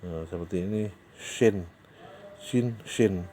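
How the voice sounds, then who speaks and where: A man teaching Quran recitation rules in an Indonesian accent, unhurried and deliberate. His voice sits low and dark, and he stretches each recited example word. He pauses and hesitates often between his explanations. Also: a little hiss or hum. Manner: slow and deliberate, drawing out recited words, with hesitations. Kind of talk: tajwid lesson with recited examples.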